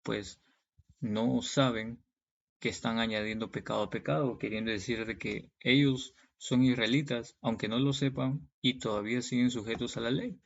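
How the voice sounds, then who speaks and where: Speaking at a normal speed with a steady tone, a man from Peru uses a mid-range voice with noticeable vocal fry. His preaching is didactic, built on reading Bible verses, explaining them, and asking "okay?" or "right?" along the way. Sound quality is dull and lo-fi.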